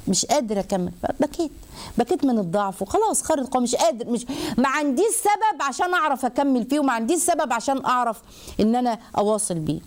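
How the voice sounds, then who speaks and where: A woman with an Egyptian accent giving a religious lesson to women, lively and animated, asking herself questions as she goes. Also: high voice, rapid-fire. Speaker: religious teacher.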